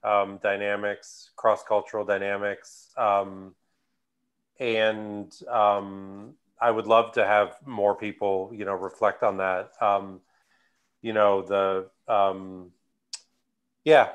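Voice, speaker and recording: A man's voice: lowish voice, level tone, takes it slowly, smooth, lo-fi sound. An American man from the Midwest speaking at a conference panel over a video call, hesitant, with many fillers and restarts. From United States Midwest. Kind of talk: conference talk answering questions.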